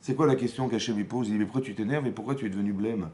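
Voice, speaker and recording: A man's voice: fairly low pitch, very fast, dark tone. A man teaching a Torah class as rabbi, his voice climbing and dropping as he acts out the dialogue he explains. He keeps turning to his listeners with rhetorical questions. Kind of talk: lively Torah lesson. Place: Paris community hall.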